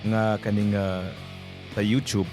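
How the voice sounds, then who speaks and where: A man's voice: fairly low pitch, flat delivery, moderate pace. A man hosting a casual morning radio show, chatty and joking. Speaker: radio host. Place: radio studio. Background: music.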